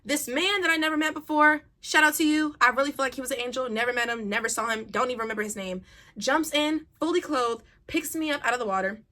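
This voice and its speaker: A young woman casually telling a personal story to her viewers, animated and chatty, laughing now and then. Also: high-pitched, fast. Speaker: vlogger.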